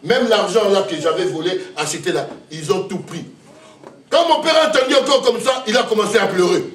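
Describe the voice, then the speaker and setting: A man's voice: sits high, animated, a little fast, a bit bright. A man, a pastor giving an emotional testimony sermon, telling his story with many repeated phrases. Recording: echoey room, voice from far off.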